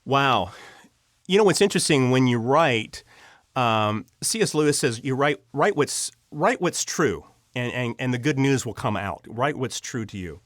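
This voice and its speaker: An earnest, medium-voiced audio drama writer and producer tells stories conversationally as an interview guest, halting and doubling back on his words. His pitch swings widely and he speaks a little slowly, recorded close and dry with no room sound.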